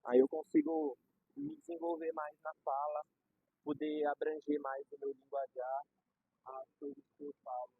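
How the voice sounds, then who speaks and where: In casual conversation, a young Brazilian Portuguese-accented man uses everyday examples and slang to get ideas across. His voice sits on the high side and is expressive, creaky, and breathy-edged at normal speed, recorded dull and lo-fi with no room sound.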